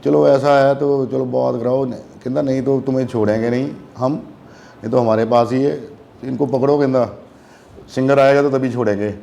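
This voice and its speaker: This young guest musician's voice is medium in pitch and creaky, moving at a moderate pace with slight background noise. He narrates a long story in casual conversation, lively and putting on voices for the people he quotes.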